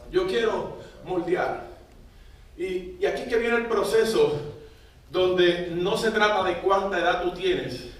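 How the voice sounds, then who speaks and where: A man's voice: sits high, slight background noise. A man preaching a sermon, getting the congregation to repeat phrases back to him. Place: large church hall. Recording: echoey church hall, mic at a distance.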